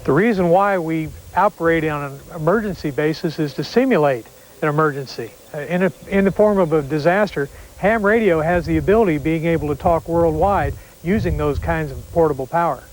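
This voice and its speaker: A man's voice: on the high side, brisk, slight background noise, low-quality recording. A man who belongs to a radio club, explaining in an interview recorded on location. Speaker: amateur radio club member.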